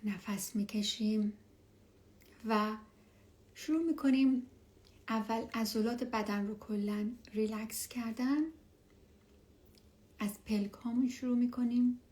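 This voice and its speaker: A woman leading a guided relaxation meditation as an instructor, speaking softly and soothingly, often near a whisper, with unhurried pauses. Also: on the high side, steady tone. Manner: unhurried, with long pauses between phrases.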